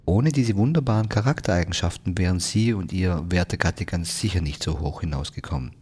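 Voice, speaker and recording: A man doing a fawning, flowery flatterer. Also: sits low, brisk, breathy edge. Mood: flattering. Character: fawning, overly polite middle-aged male passenger.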